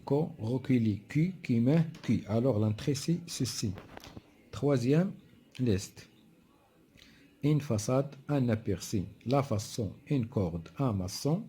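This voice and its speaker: A man teaching a primary school French spelling lesson, reading words slowly and repeating each word and letter with care. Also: mid-range voice, mellow, husky. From Morocco.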